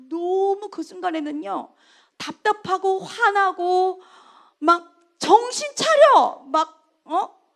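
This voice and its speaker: Woman preacher, high voice, animated storyteller who breaks into loud scolding. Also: creaky. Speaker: evangelist preaching. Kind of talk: storytelling sermon.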